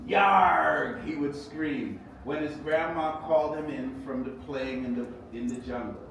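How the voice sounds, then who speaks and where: Reading his own children's storybook, which includes sung hymn passages, an author speaks at medium pitch in a measured, expressive way. The recording comes from an echoey indoor event space, with a distant mic and clear background noise.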